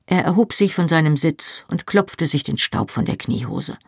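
A calm, even storyteller's voice with a gravelly texture. It reads first-person narration at a measured pace, close-miked in a dry, dead room. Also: medium pitch, no room sound. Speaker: audiobook narrator.

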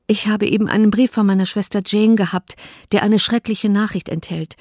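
A woman's voice: mid-range voice, fairly even intonation, brisk, darkish tone, no echo, clean studio sound, natural voice. A woman reading an audiobook, voicing a distraught, tearful young woman with a raised, pleading voice. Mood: anguished.

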